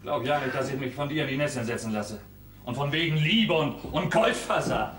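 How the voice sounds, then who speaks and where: An actor playing a harried young sculptor, blunt and exasperated, recorded live on a roomy stage from a distance. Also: male voice, medium pitch, lively intonation, fairly quick, a little hiss or hum, natural voice. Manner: exasperated, blunt, sometimes shouting. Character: harried young sculptor, man, curt with his ex.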